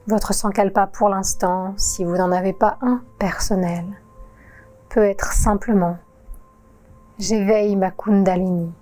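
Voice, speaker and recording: Yoga lady guiding a relaxation, super slow and soft, mellow voice, faint music under. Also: mid-range voice. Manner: calm, soothing, with long pauses. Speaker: yoga teacher. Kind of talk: guided relaxation narration.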